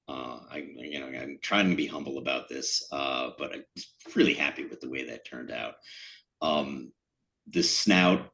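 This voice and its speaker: Very deep-voiced New England man. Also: a bit bright. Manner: self-deprecating, rambling with many fillers. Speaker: sculptor presenting his work. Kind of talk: casual slide presentation. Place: event room.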